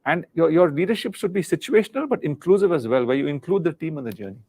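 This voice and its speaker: A middle-aged man from India speaks quickly and earnestly, a little high in pitch. His voice has a gravelly edge, and he repeats words as he gropes for the next thought. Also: animated, dark tone. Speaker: guest, former senior business leader. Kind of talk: live interview on leadership.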